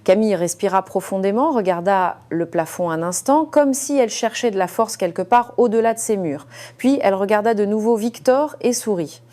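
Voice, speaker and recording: Woman storyteller, mid pitch, hesitant narration with fillers. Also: normal speed, warm tone.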